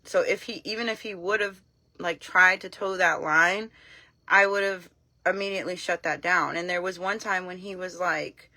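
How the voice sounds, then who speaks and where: Blunt, forceful woman telling a story. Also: lowish voice, normal speed, dry recording. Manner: animated storytelling, acting out quoted dialogue; frank and blunt. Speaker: live-stream host. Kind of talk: casual talk to camera.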